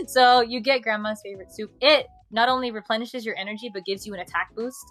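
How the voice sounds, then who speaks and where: Bright-voiced woman streamer chatting. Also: a little high, fast, faint music behind. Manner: animated storytelling with many fillers and laughs. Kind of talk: casual chat.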